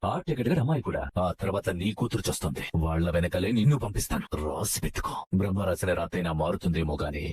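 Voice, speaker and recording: A man's voice: sits low, lively intonation, fast, hardly any pauses, darkish tone, husky, exaggerated voice. An actor playing a ruthless male crime boss who mocks and threatens in a menacing manner. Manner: menacing and mocking, gives cold orders. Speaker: villain in a TV serial. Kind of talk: TV serial acting.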